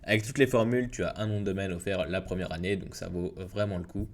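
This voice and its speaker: A young man giving a casual, filler-heavy software tutorial. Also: low-pitched, fairly even intonation, fast talker. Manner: casual, informal, many fillers and restarts. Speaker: WordPress tutorial youtuber. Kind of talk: screen-recorded software tutorial.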